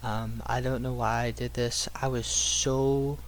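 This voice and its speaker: A man's voice: medium pitch, little pitch movement, unhurried. Rambling young man over background noise. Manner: rambling, slangy, swearing. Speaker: storyteller. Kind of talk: casual personal anecdote.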